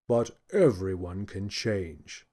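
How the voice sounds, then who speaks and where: Male storyteller as jolly old Santa for kids' audiobook. Warm dark tone, lively swoops, gentle and kindly. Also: deep voice, takes it slowly, pitched below the performer's own voice, exaggerated voice. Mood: warm, confessing. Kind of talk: children's audiobook character voice.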